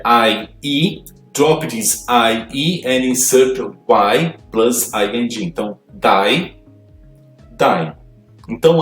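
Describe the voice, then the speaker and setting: A man explains grammar rules step by step, pausing often and filling gaps with hesitant sounds. He sounds set back from the microphone in a reverberant room, with faint music behind him. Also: medium pitch, far from the mic. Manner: hesitant, many fillers, mixes Portuguese explanation with English terms. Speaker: English teacher.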